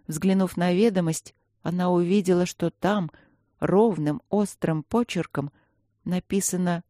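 An audiobook narrator reading a story in an even, measured way. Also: medium pitch, no room sound, clean studio sound. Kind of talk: scripted narration.

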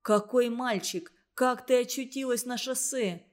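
A woman's voice: on the high side, measured pace, lightly acted. Woman reading as a stern young camp leader. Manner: stern, commanding.

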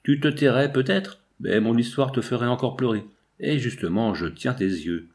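A man's voice: mid-range voice, moderate pace, close to an everyday voice. A man reading a stern, busy male painter who scolds firmly. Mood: gently stern. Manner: firm and scolding.

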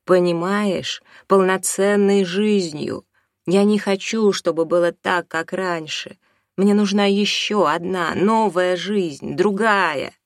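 A middle-aged father who is leaving his family, self-justifying and pleading, as the reader puts him on. His voice sits lower than the narration, with a gravelly fry. It is close and dry, as in a storybook audio reading. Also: a little slow, no echo. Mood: desperate. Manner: pleading, defensive, rising to near shouting.

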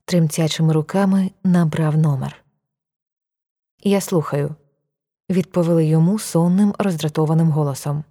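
A woman narrating an audiobook in a calm, even reading voice. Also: sits low, a little fast. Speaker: audiobook reader.

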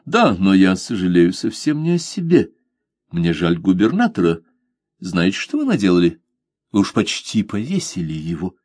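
A man's voice: deep voice, moderate pace, dry recording, exaggerated voice. A man voicing a composed, courteous pirate captain who speaks with cool irony. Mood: ironic. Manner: calm, courteous, mocking. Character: calm, ironic pirate captain, male adult.

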